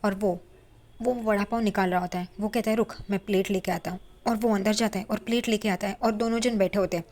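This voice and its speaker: A woman's voice: medium pitch, fairly even intonation, fast talker, darkish tone. A woman narrating a recap of a TV serial episode in a conversational storytelling way.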